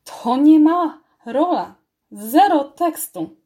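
A woman's voice: a little high, expressive, normal speed, darkish tone, close to an everyday voice. A woman reading a storybook aloud and voicing a firm, bossy, clever schoolgirl. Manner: firm, commanding.

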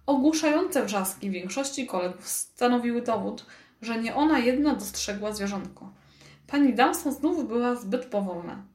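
A woman narrating a children's storybook in a lively, expressive reading, recorded with a roomy echo. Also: fairly high pitch. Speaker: audiobook narrator.

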